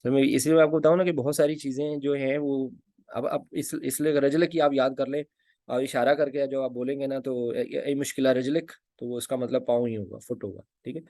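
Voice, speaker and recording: A man's voice: mid-range voice, steady tone, brisk, mellow, no echo, clean studio sound. A man giving an informal spoken lesson. He hesitates often, uses many fillers, and repeats key words. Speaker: anesthesia teacher.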